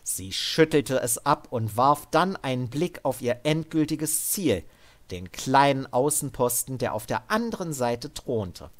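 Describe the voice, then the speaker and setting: A man's voice: medium pitch, lively intonation, unhurried. A man narrating a translated adventure story, stopping now and then to add loose comments of his own. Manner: breaks off to add casual comments. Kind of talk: reading a translated story aloud.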